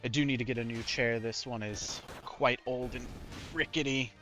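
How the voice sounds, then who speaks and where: A man's voice: mid-range voice, fairly even intonation, normal speed, fairly bright tone, soft background music. A man giving casual, rambling, self-deprecating live commentary as he plays a video game. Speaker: game streamer.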